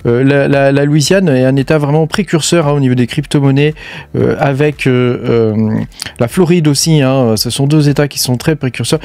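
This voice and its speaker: A man's voice: medium pitch, normal speed, darkish tone, no echo. Chatty French man, dry close sound. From France. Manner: chatty, filler-heavy, addresses viewer as tu; blunt, swears casually. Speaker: crypto mining YouTuber. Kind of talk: casual commentary over charts.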